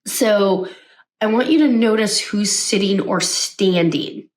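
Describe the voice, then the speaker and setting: A woman coaching on social skills in an energetic, conversational way, often checking in with the listener. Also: medium pitch, takes it slowly, far from the mic. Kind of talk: teaching to camera.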